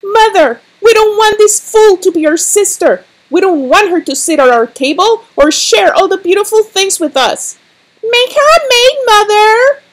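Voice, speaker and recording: A very high, squeaky girl's voice, spoiled and spiteful. This haughty storybook stepsister talks like a vain brat. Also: expressive, unhurried. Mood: whiny, scornful. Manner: haughty, bratty.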